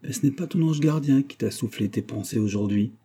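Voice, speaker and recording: A man voicing an old, devoted female servant, speaking slowly with husky, tender reproach. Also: mid-range voice, dark tone, lightly acted. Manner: slow, reproachful.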